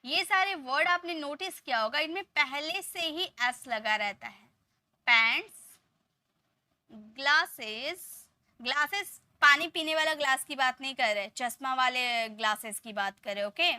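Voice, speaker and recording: Bright high-voiced woman teaching grammar. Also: dry recording. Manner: explains patiently with questions, repeats example sentences slowly. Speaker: English teacher. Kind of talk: Hindi-language grammar lesson.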